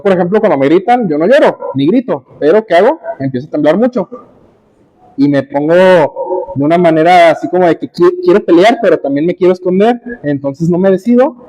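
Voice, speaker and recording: A man's voice: a little high, mellow, poor audio. A man speaking to a workshop audience about family conflicts, conversational, with personal examples and rhetorical questions.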